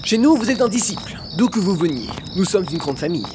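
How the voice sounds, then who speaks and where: A man playing a soothing, fanatical male cult preacher in an audio drama, his voice pitched high and unctuous. Crickets and birds chirp behind him over a noisy outdoor ambience. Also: very animated, fast talker. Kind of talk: amateur audio drama acting.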